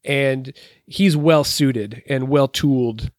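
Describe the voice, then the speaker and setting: A man's voice: medium pitch, slow, no room sound, clean studio sound. A man co-hosting a music podcast in casual chat, talking with enthusiasm in long, rambling thoughts. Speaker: podcast co-host.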